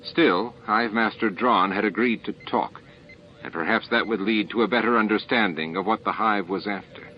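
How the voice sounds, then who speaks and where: A man with a lowish voice reads a novel aloud as scripted audiobook narration at normal speed. The recording is dull and lo-fi, like a cassette, with background music behind him.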